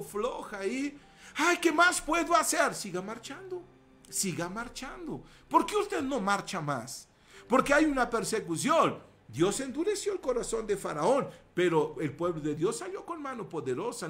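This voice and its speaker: A man preaching a sermon with emphasis, swinging between hushed asides and loud declarations and calling the congregation to repeat after him. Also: sits high. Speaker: pastor.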